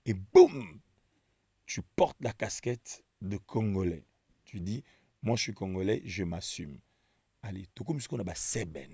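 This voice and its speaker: A man hosting a radio interview with a gravelly, lively voice that swoops up and down. He is excitable and stammers as he builds toward his questions. The studio sound is dry and close. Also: lowish voice, measured pace, dry recording. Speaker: radio host. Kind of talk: conversational interview.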